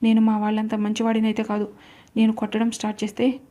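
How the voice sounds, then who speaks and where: Woman reading arrogant young man, menacing, mocking, storybook voice, mellow tone. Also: on the high side, monotone, quick pace, natural voice. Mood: threatening.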